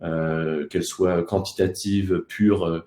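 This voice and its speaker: A man's voice: deep voice, steady tone, slow, warm tone. A man in his thirties from France, the guest of an online talk show, speaking casually with many hesitations. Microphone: video call. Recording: echoey room.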